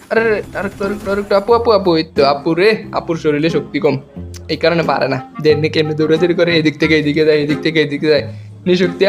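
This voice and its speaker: Here a young gaming YouTuber with a Comilla Bengali accent delivers rapid-fire commentary, his bright, high voice scarcely pausing. He cracks jokes and taunts the players he encounters, and game music plays loudly underneath.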